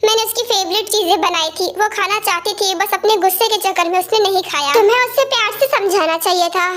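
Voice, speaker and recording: A woman's voice: very high voice, fast, a bit bright. A woman dubbing a firm but caring older sister in an amateur fan dub, scolding and bossy toward her sibling. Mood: tired, worried. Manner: scolding then soothing, bossy.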